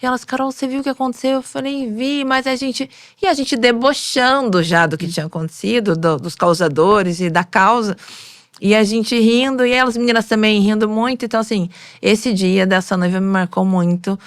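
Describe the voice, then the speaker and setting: A woman's voice: mid-range voice, moderate pace, dry recording, clean studio sound. A woman, a makeup artist and hairstylist, tells stories from her work in an interview and acts out the voices of the people in them. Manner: animated storytelling, acting out quoted voices. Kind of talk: storytelling in an interview.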